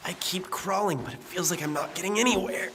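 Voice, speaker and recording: A man playing a stubborn, excitable teenage boy in an English anime dub, muttering as he crawls through a cramped space. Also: high voice, moderate pace, big-room sound, noisy background. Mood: strained grumbling. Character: stubborn, excitable teenage boy who loves his pet.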